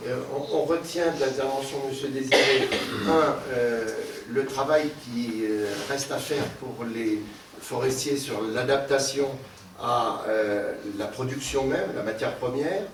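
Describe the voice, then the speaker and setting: A man moderating a round table, summing up a speaker's points in a halting way with many fillers and repeated words. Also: mid-range voice. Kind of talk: summarizing a panel discussion. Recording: roomy hall, distant mic, some noise.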